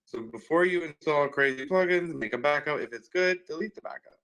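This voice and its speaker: A man's voice: a little high, expressive, a little fast, fairly bright tone, poor audio. A man teaching a casual screen-share tutorial in a loose, filler-heavy way, his audio cutting in and out over a bad connection. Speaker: workshop instructor. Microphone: open computer mic on a video call.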